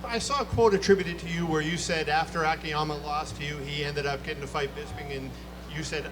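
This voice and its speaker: A man's voice: on the high side, fairly even intonation, brisk. A man asking a question as a reporter at a press conference. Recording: noisy room.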